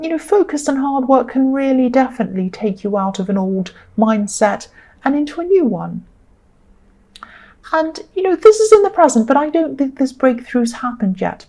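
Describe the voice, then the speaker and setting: A woman giving a solo tarot reading, talking gently and reassuringly with many ums. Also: a little high. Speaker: tarot reader.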